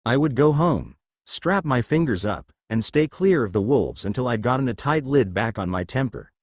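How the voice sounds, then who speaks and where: A man narrating a first-person fan fiction story in an expressive storytelling manner. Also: mid-range voice, moderate pace, no echo, studio quality.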